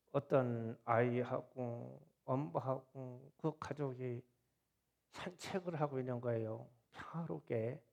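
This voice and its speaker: A middle-aged man, a pastor, preaching a sermon in which he retells a vision with emotional storytelling that swells into loud, tearful passages. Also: medium pitch, gravelly.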